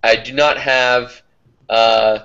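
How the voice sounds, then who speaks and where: A man co-hosting a casual gaming podcast, telling animated stories and acting out quotes. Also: mid-range voice, takes it slowly, gravelly, smooth, highs cut off. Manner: animated storyteller, acts out quotes. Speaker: podcast co-host.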